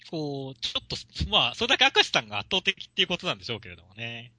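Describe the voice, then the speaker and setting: A man co-hosting a casual talk show, chatting quickly and responding with frequent agreement. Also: medium pitch, huge pitch swings, bright, forceful tone, dry recording. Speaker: podcast co-host reviewing manga. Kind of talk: casual chat.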